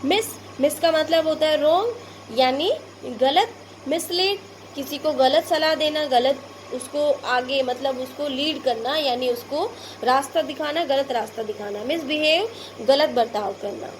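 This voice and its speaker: A woman's voice: sits high, measured pace, a little hiss or hum. A woman teacher with an Indian Hindi accent, patiently explaining word prefixes to young pupils, repeating each example. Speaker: school English teacher.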